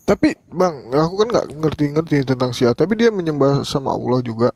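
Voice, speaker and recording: A man's voice: a little high, expressive, brisk, a little mellow, no room sound. A man co-hosting a casual chat, asking plain-spoken questions.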